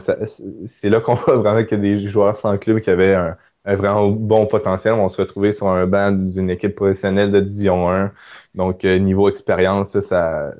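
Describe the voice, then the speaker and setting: A man from Canada, hosting a casual podcast interview and thinking aloud with many pauses. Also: low-pitched, muffled recording. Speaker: podcast host.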